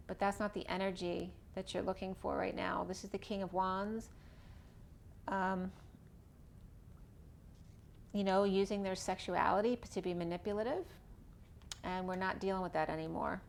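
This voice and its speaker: A woman's voice: on the low side, gravelly, slight background noise. A woman giving a casual tarot reading, talking through each card as she draws it while losing her voice. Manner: chatty, thinking aloud while drawing cards.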